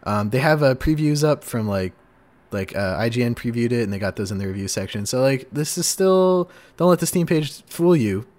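A man's voice: mid-range voice, expressive, normal speed, darkish tone. A man hosting a casual gaming podcast, chatty and upbeat, reading out segments and riffing with his co-host. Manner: upbeat, chatty, sings little jingles.

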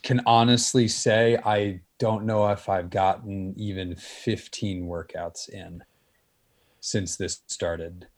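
A man's voice: deep voice, fairly even intonation, takes it slowly. A man in casual conversation, telling things in an informal, anecdotal way. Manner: acts out quoted dialogue when telling stories.

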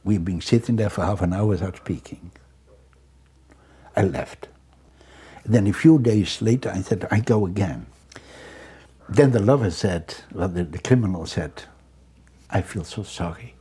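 An older man recounting true stories in a reflective, halting way, often restarting his sentences. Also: deep voice, dark tone, slightly rough. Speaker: storyteller.

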